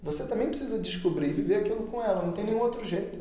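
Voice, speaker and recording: A speaker with a Brazilian Portuguese accent giving advice in a casual podcast chat, assertive and animated. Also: mid-range voice, rapid-fire. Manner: animated, assertive, acts out little dialogues. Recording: very echoey room.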